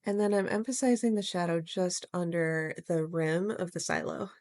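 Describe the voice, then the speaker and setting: Calm low-voiced woman narrating a painting tutorial. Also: moderate pace, no room sound. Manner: gentle, explanatory, step-by-step. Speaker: art tutorial host.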